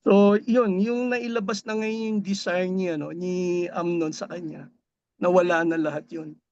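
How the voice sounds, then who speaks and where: A man's voice: high voice, level tone, measured pace, darkish tone, no echo, muffled recording. A man sharing thoughts in a casual Bible study discussion, switching between Tagalog and English and restarting his phrases. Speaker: Bible study group member.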